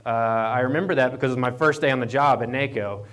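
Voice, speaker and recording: A quick-paced, smooth, slightly bright medium-pitched voice belongs to a guest speaker from Appalachian Virginia, United States, who manages an economic development program. Away from the podium and double mic'd at a live event, he presents informally, often repeating words and restarting.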